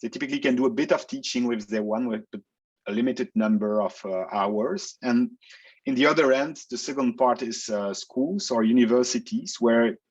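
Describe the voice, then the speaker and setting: A man's voice: mid-range voice, normal speed, a little mellow, husky, muffled recording. A man who grew up in Belgium, a researcher answering interview questions in a casual, hesitant way with many fillers and restarts, speaking over a video call. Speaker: researcher guest.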